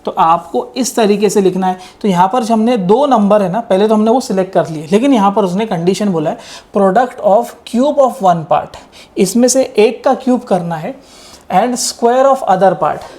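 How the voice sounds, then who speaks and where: A little slowly, in a high-pitched, darkish voice, a male maths teacher explains exam material step by step. He keeps throwing rhetorical questions at his students and blends English maths terms into the lecture.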